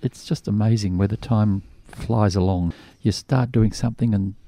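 An older Australian man with a slightly croaky voice, chatting casually as a radio co-host. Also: fairly low pitch, steady tone, normal speed, warm tone. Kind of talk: casual chat.

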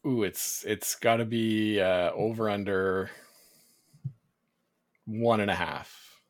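A man co-hosting a casual sports podcast, speaking hesitantly with many pauses and filler sounds. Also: on the low side, fairly even intonation, no room sound, studio quality. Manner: hesitant, many ums and uhs. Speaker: podcast co-host.

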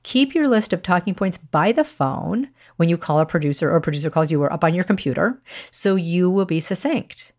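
A woman hosting a podcast as a media coach, giving instructional advice in a clear, measured way. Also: on the low side, expressive, darkish tone.

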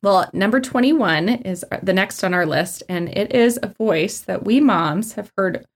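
A woman's voice: mid-range voice, measured pace. A woman co-hosting a podcast, reading list entries aloud in a casual chat with chatty little asides. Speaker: podcast co-host.

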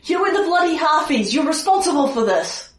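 A woman voicing an angry, frantic townsman who rants and shouts accusations. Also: very animated, fairly quick, noisy background. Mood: furious, accusing. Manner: shouting accusations, shrill and ranting. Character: angry, frantic middle-aged townsman blaming others. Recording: echoey room, mic far off.

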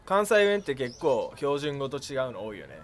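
A man's voice: mid-range voice, big pitch swings, normal speed, a little hiss or hum. A young man with a Kansai accent chatting casually and playfully, laughing often. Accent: Kansai Japanese. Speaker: conversation partner. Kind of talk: casual chat.

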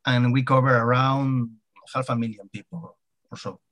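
A man from Spain with a Spanish accent, a native Spanish speaker answering interview questions in halting English with repeated words. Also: medium pitch, flat delivery, fairly bright tone, poor audio. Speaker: podcast guest, hospital CIO. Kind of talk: conversational interview.

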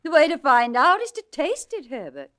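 A sweet young wife. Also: female voice, sits high, big pitch swings, moderate pace, pushed and bright, full character voice. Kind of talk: 1940s radio acting.

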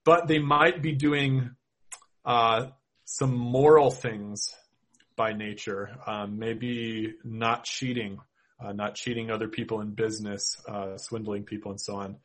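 A man with a Minnesota accent co-hosting a podcast, talking through scripture in a thoughtful, halting way with many fillers and restarts. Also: fairly low pitch, little pitch movement, fairly bright tone. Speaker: podcast co-host. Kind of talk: casual theological discussion.

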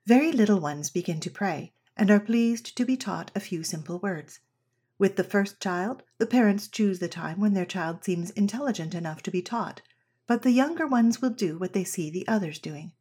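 A woman reading an old essay aloud as scripted narration, in a measured, earnest way. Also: fairly low pitch, a little mellow, slightly rough. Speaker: reader of an old parenting essay.

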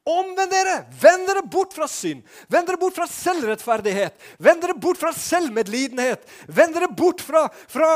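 Preacher doing Jesus's voice, a fervent man who calls for repentance, high and loud, plainly the preacher's own voice.

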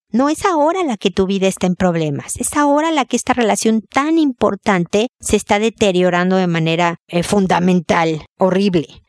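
A woman's voice: a little high, darkish tone, no echo, studio quality. A woman hosting an advice show, talking straight to a listener in a direct and emphatic way. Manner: direct, emphatic, often repeats the listener's name.

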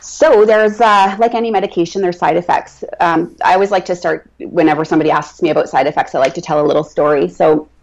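Brief: female nurse guest, low gravelly voice, chatty and loose, dull lo-fi radio sound. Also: fairly even intonation, fast, few pauses, a little mellow. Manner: chatty, with many restarts. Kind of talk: casual interview talk. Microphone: radio show mic.

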